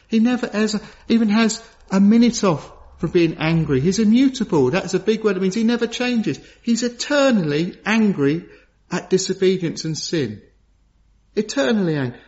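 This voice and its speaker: Through dull lo-fi audio, a preacher delivers an earnest, solemn sermon. His urgent, raised questions give way to hushed, low gravity, and he repeats key phrases to drive them home.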